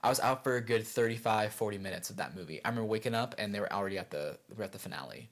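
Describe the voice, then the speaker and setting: A young man co-hosting a casual pop culture podcast, talking in a playful, animated way with big jumps in pitch for emphasis. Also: racing. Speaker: podcast co-host. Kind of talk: casual chat.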